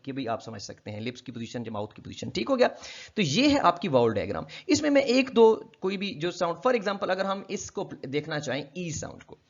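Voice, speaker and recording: Man lecturing on phonetics, lo-fi sound. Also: on the high side. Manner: explanatory, asks and answers his own questions, demonstrates sounds slowly. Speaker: linguistics lecturer. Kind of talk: explaining a textbook chapter in a recorded lecture. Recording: dull lo-fi lecture recording.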